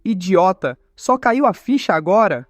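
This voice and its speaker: A man's voice: sits high, sing-song, measured pace, no echo, studio quality. Man playing a cocky, taunting young fighter. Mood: mocking. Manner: teasing, taunting.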